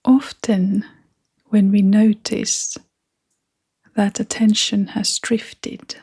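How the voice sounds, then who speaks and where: In a half-whispered, breathy, soft voice, a woman talks listeners through a guided meditation, gently and with long pauses. Her voice is mid-range and barely moves in pitch.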